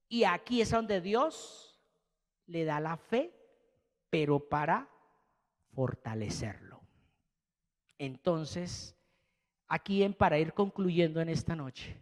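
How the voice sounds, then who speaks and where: Preacher guy with a high-ish voice, big hall echo, asks the crowd questions and punches words up then drops low. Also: fairly bright tone. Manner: rhetorical questions, emphatic rises and drops. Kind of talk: sermon.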